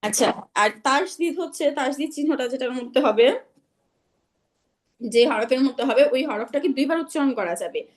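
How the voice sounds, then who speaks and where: A woman's voice: sits high, lively intonation. A young woman teaching Quran recitation rules in an online class, patient and repetitive, checking that her students follow; she is unwell. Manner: patient, repeats rules slowly, checks understanding.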